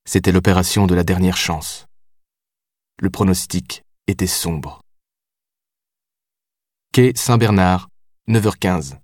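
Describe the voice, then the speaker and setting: A man narrating an audiobook in a measured, steady reading. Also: deep voice, dry recording, studio quality.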